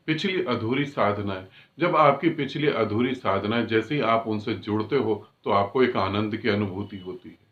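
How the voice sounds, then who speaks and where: Calm, low-voiced spiritual teacher. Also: male voice, highs cut off. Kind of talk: explaining a spiritual experience to a disciple.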